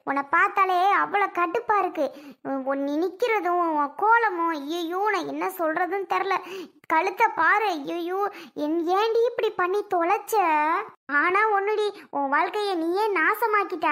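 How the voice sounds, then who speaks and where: A woman's voice: very high voice, sharp tone. A woman voicing a stern mother in a cartoon family serial, harshly ordering her daughter to leave. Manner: harsh scolding, commanding.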